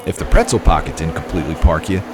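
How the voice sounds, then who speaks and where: A man's voice: rumbling low, expressive, fast talker. A man reading a polished, scripted voice-over narration for a travel vlog. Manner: polished, descriptive, travel-show tone. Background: background music.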